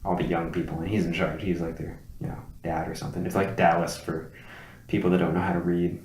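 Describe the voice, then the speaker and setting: Low-voiced man in an echoey room. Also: little pitch movement, fast, a little mellow. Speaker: podcast co-host. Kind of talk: casual movie chat. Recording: echoey room with faint noise.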